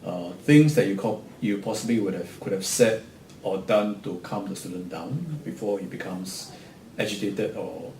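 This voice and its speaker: A man acting as a clinical supervisor, giving measured guidance and asking reflective questions. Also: a little mellow. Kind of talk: workplace supervision conversation. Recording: echoey room with faint rumble.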